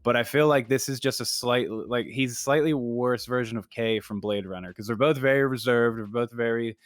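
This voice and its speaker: A man co-hosting a film podcast, chatting in an easygoing, halting way. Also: mid-range voice, no room sound, clean studio sound. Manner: easygoing, laughs often, halting. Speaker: podcast co-host. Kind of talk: casual film podcast chat.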